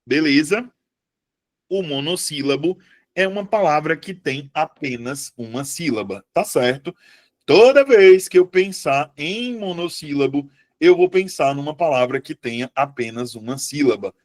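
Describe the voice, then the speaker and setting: A man teaching a live online Portuguese lesson, chatty and lively, often putting questions to his students. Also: a little high, a little slow, no echo, studio quality.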